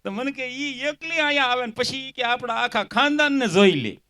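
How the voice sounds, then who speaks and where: A man telling jokes and stories on stage in an animated way, quoting his characters and landing punchlines. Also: very high voice, moderate pace. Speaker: folk comedian and storyteller. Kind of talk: dayro stage comedy storytelling.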